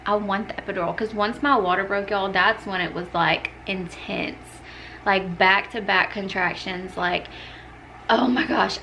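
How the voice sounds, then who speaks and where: A woman's voice: mid-range voice, gravelly, sharp tone, a little hiss or hum, rough recording. A young woman, casually telling a personal story, full of "like" fillers and acted-out quotes. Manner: chatty, many "like" fillers, acts out quoted lines. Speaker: vlogger.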